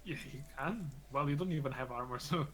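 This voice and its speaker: A man running a tabletop game as game master, relaxed and joking, often laughing. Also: mid-range voice, fairly quick, a loud crowd, poor audio.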